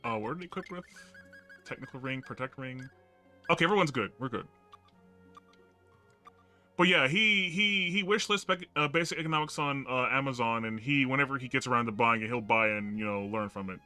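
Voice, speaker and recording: Dude streaming a game and rambling to chat, bright voice, game music faint behind. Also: male voice, mid-range voice, lively intonation, fairly quick. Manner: rambling and casual, with many fillers and swearing. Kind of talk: casual gaming stream commentary.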